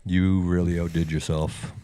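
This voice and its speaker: A man co-hosting a fly tying show, chatting in a relaxed way while eating. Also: deep voice, moderate pace, clear, resonant tone. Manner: relaxed, chatty, whispers for crunching sounds. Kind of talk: casual chat while eating.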